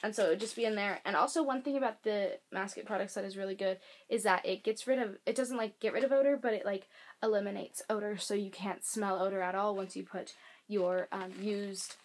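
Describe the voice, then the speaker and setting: A young woman vlogger at home giving a casual product demonstration, rambling with lots of fillers and self-corrections. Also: medium pitch. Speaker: beauty and advice vlogger. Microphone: camera mic. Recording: faint hiss from air conditioner.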